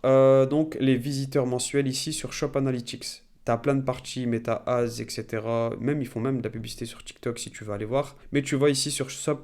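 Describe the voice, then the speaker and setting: A man of ordinary pitch guides a viewer through a screen-share tutorial. He thinks aloud in a relaxed, chatty way, filling pauses as he goes and talking straight to the viewer. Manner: relaxed, many fillers. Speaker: e-commerce YouTuber.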